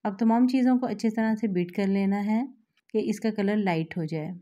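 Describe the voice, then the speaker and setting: A woman host, calmly explaining a recipe step by step to her viewers in a voice-over. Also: mid-range voice, moderate pace, muffled recording. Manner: calm, instructive, addresses viewers directly. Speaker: cooking channel host.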